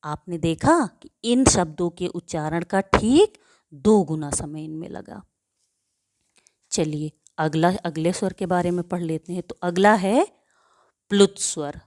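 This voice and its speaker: A woman teaching young pupils at a slow, careful pace, with a fairly low voice. She asks a question and answers it herself, and she stretches out example words so they can be heard clearly. The recording is dry and close. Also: darkish tone, no room sound. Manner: drawls example words to show how they sound. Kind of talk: grade-school grammar lesson.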